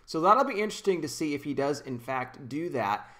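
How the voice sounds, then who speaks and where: Thirties male vlogger, slightly raised pitch, earnest casual commentary, desk mic in a small home room. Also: animated, fairly quick, pushed and bright. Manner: earnest, talks with hand gestures, frequent restarts. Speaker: commentary channel host. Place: small indoor room with kitchen behind. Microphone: desk microphone in front of him.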